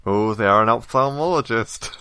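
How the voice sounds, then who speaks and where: A man's voice: medium pitch, normal speed, crowd noise. A man co-hosting an improv comedy podcast, speaking drily with some hesitation. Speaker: podcast co-host. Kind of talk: casual improv comedy chat.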